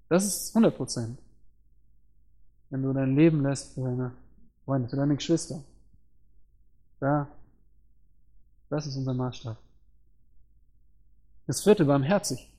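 Guy preaching a sermon, kinda high voice but mellow, earnest, explains bible words. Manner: explains word meanings and scripture plainly, with rhetorical questions.

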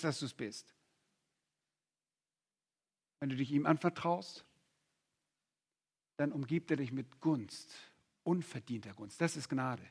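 A man preaching a sermon, his voice worn and hoarse, moving between hushed, slow passages and loud, fervent exclamations. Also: high voice. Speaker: pastor.

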